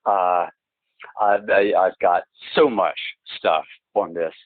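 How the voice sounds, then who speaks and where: A man on a phone call who talks in a halting, rambling way, restarting and repeating words, and presses his complaints insistently, heard through a phone line. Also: deep voice, steady tone, dry recording. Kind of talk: phone conversation. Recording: tinny, dry phone-line recording.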